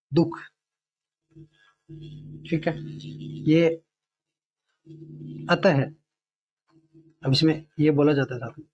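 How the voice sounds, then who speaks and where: A man with a slightly raised voice teaching Hindi grammar for competitive exams. He explains each point step by step, slows down to sound out letters, and keeps checking in with his class. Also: a little high, darkish tone, dull audio. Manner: repeats sounds slowly to demonstrate them. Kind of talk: exam-prep lesson.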